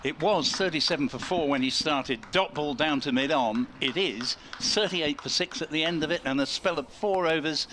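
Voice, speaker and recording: A man's voice: on the high side, normal speed, hardly any pauses, bright, forceful tone, slight background noise. A man commentating on cricket ball by ball in wordy, rather formal turns of phrase.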